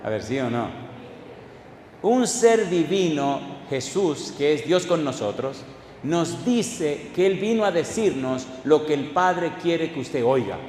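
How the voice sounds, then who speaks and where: A male pastor preaching a sermon, firing questions at the congregation and swinging from hushed asides to loud emphatic declarations. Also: on the high side, expressive, slow pace, slight background noise. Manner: call-and-response questions to the congregation. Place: church hall. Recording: echoey hall with faint ambience.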